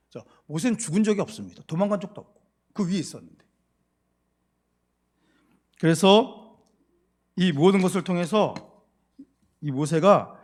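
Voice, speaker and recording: A male pastor teaches scripture in a sermon-style Bible lecture. His voice sits slightly high for a man. He keeps asking his listeners questions and swings between forceful emphasis and hushed remarks. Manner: engaging, with frequent rhetorical questions to the congregation; dramatic rise and fall in loudness for emphasis. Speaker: senior pastor.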